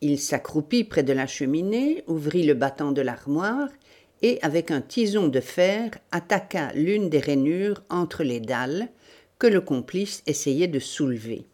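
A woman narrating a novel as an audiobook, in a measured, deliberate reading. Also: low voice, animated, warm tone. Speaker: audiobook reader.

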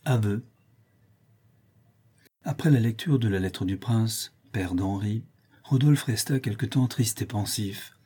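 Husky, dark-voiced male narrator. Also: lowish voice, slow, long pauses. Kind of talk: scripted audiobook narration.

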